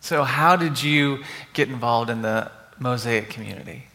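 A man's voice: medium pitch, normal speed, pushed and bright. A man hosting an onstage interview before an audience, upbeat and encouraging. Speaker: host interviewing church members. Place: church hall before an audience. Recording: echoey hall with audience noise.

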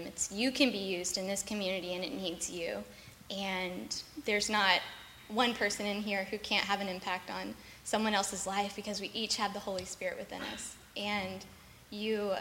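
A woman's voice: mid-range voice, bright, forceful tone, a little hiss or hum. A woman sharing encouragement with a church audience, earnest in tone. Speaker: church member guest. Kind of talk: onstage testimony.

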